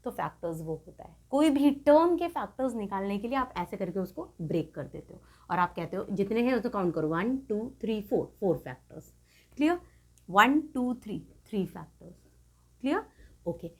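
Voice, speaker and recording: A woman's voice: medium pitch, normal speed. A woman tutor explaining a math lesson to students, often asking whether they have understood and stressing key points. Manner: repeats checks like "clear?", lively emphasis.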